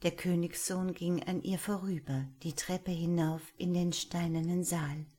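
A woman reading a fairy tale aloud, gentle and at times hushed. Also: fairly low pitch, steady tone, measured pace, slightly rough. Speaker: storyteller.

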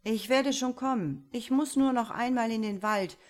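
A woman's voice: a little high, normal speed, pitched above the performer's own voice, lightly acted. A woman doing a sly young fairy-tale simpleton.

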